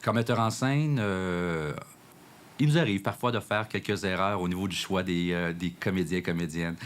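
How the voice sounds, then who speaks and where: A man's voice: low-pitched, normal speed, clear, resonant tone. A man, a stage director who speaks reflectively and hesitantly in an interview. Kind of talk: documentary interview.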